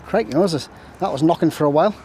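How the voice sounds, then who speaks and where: A man's voice: fairly high pitch, quick pace, dark tone. A man chatting casually to camera while fishing outdoors on a windy riverbank, full of jokey, self-mocking asides. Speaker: angling vlogger. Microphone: camera on a stand, at times stepping away.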